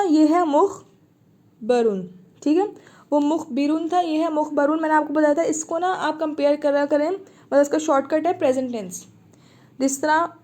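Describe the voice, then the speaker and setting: High-pitched, mellow-voiced woman teaching Arabic. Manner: patient, repeats words and checks understanding. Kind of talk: online Arabic lesson explained in Hindi.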